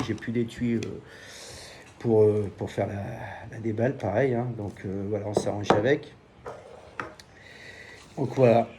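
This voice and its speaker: Sitting by the pool at home, a man from France who sells knives swears freely as he shares crude, joking stories about the job in a casual vlog. His mid-range voice is mellow, with a little hiss or hum in the audio.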